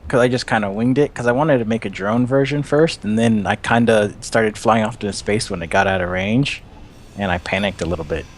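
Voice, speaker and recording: Young guy on voice chat during a space game, lowish voice, swears a lot, bit of faint hum behind. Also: brisk. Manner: loose, swears casually, animated jumps in pitch. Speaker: guest player. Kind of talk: casual gameplay chat.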